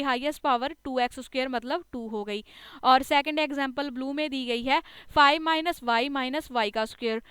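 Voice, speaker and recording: A woman, teaching as a maths tutor in a patient, step-by-step lecture that slows down to read each term aloud. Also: high-pitched, a bit bright, dry recording, clean studio sound. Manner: patient, step-by-step explaining, slows to read terms aloud, often adds a checking "okay". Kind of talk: classroom lecture explaining maths.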